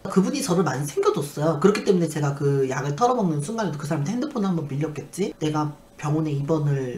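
A young man from South Korea, a YouTuber, tells a personal story casually and acts out the voices of the people in it. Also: a little high. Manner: animated, acts out quoted voices. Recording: echoey room with faint noise.

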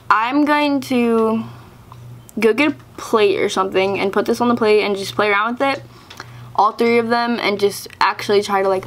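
A woman's voice: on the high side, slight background noise. A young woman casually reviewing products in a vlog, chatty and exasperated, with lots of filler words. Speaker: YouTuber.

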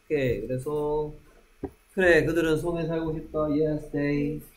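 A man teaching English in a classroom, slowly repeating English phrases after Korean prompts. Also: a little high, steady tone, a little hiss or hum. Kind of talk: classroom drill lesson.

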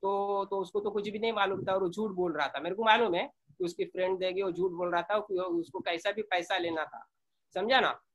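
A middle-aged man giving an informal sales training talk, telling a story in a calm, conversational way, often repeating himself and dropping in English phrases. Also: high-pitched, a little fast. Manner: calm, repeats words, many filler sounds.

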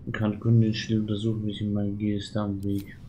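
Low, flat-toned man commenting gameplay. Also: fast talker, a little hiss or hum. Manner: reads game text aloud, thinks out loud. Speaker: let's player, channel host.

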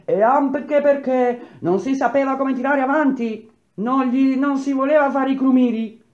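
A man's voice: very high-pitched, unhurried, dull audio, voice pushed up. A man voicing a group of aggrieved workers answering together, agitated and raised.

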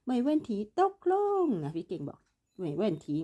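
A woman's voice: on the low side, very animated, normal speed, mellow, slightly rough. A woman teaching Chinese, patiently explaining and repeating words while reading a dialogue. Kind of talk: bilingual language lesson, reading a dialogue.

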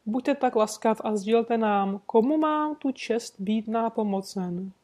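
A woman reading an audiobook, voicing a composed, courteous gentleman detective who speaks calmly and sweetly insists. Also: a little high, close to an everyday voice. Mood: suave. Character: composed, suave gentleman detective, adult man.

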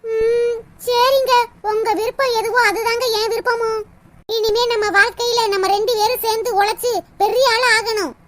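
Someone voicing a shrill pleading village wife. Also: fairly even intonation, normal speed, background noise. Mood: curious. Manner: pleading, scolding then encouraging. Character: worried young village wife, pleading, practical. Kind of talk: cartoon voice acting.

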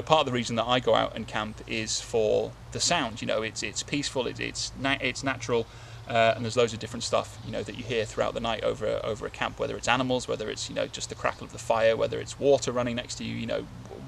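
A bushcraft vlogger sits under a tarp at his winter woodland camp, talking casually to camera in a creaky, medium-pitched voice. He rambles with lots of fillers and restarts, and light outdoor noise is audible.

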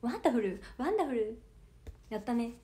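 This young woman, an idol audition candidate, livestreams in a Kansai Japanese accent, chatting casually as she reads out viewer comments. Her high voice is very animated, fairly quick and warm, and she comes across bubbly and giggly with lots of laughter.

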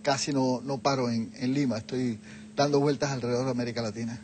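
A man's voice: medium pitch, fairly even intonation, quick pace, darkish tone, slight background noise. An older man, a guest in a TV studio interview, explaining things reflectively into a lapel mic. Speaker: guest, Jesuit leader. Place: TV studio set, seated on a sofa.

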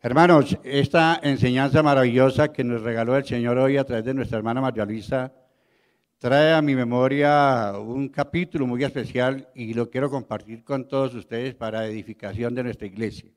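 A man's voice: medium pitch, steady tone, moderate pace. A man formally addressing his church congregation as brothers, beginning a testimony for their edification.

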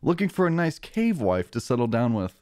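A man's voice: medium pitch, big pitch swings, brisk, darkish tone, smooth. A young man hosting a casual chat with friends, reading made-up dating profiles aloud and laughing often. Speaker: group video host.

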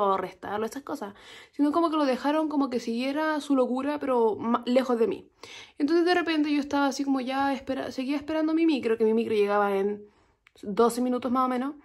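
Young woman in her twenties with a Chilean accent, chatty and animated. She talks to camera like she's telling friends a story, with a voice that sits a little high. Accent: Chilean Spanish. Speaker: vlogger. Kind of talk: casual storytelling vlog.

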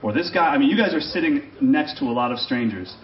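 Animated man urging a crowd, echoey hall. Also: a little high, fast. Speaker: drum clinician. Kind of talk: speaking to a live audience. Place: large event stage. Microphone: handheld mic. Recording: echoey hall, dull sound.

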